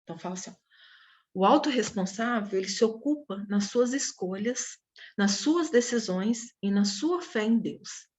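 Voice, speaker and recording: A woman's voice: medium pitch, animated, normal speed, a little mellow. A woman in her thirties with a Brazilian Portuguese accent, speaking at a women's church meeting in an informal, conversational sermon style. She often tags her sentences with "né?" and restarts her phrases.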